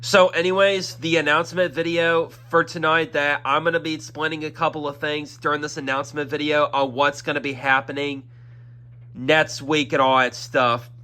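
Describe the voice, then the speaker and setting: This young YouTuber's voice sits a little high, with a level, sharp tone at normal speed. His throat is congested and he coughs now and then as he wanders through a loose vlog announcement. He loops back repeatedly, leaning on "that is" and "y'all."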